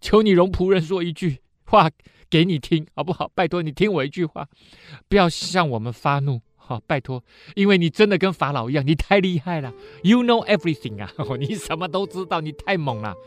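A man's voice: lively intonation, brisk, no room sound, soft background music, close to an everyday voice. A man voicing a humble elder brother who begs earnestly for mercy. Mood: pleading. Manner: begging, earnest, raised pitch. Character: pleading elder brother, desperate humble supplicant.

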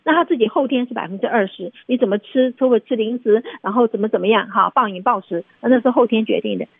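A woman with a Taiwanese Mandarin accent talks quickly in a fairly high voice. She explains things emphatically and conversationally, as a radio host does. The sound is thin and phone-like with a roomy echo. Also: slightly rough. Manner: emphatic, explanatory, ends phrases with tag questions and particles. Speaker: radio show host and commentator. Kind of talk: conversational radio discussion with anecdotes.

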